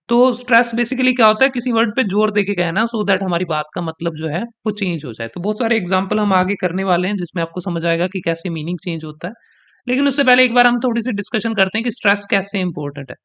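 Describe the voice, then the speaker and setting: A young man, an exam coaching trainer, teaching in Hindi mixed with English, explaining at length and repeating example sentences slowly with shifting stress. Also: high-pitched, fairly bright tone.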